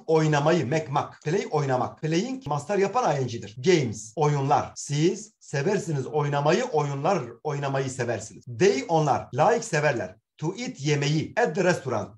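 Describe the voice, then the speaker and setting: A middle-aged male teacher takes students through English grammar and translates each example sentence aloud. His voice sits a little high for a man and moves animatedly up and down. He explains patiently, step by step. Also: darkish tone.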